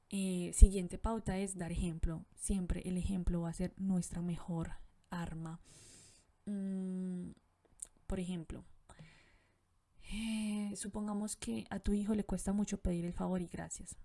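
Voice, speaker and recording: A woman hosting a podcast, giving parenting advice in a calm, reflective way, often pausing with soft fillers. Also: on the low side. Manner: calm, reflective, gentle, with frequent pauses and fillers. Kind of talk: conversational advice monologue.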